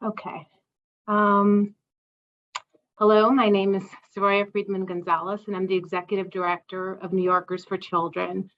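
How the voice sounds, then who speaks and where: Woman testifying over a muffled video call. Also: medium pitch. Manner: formal and measured. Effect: heard over a group video call. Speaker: nonprofit executive director giving testimony. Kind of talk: reading a prepared statement at a remote hearing. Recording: dull lo-fi video call audio.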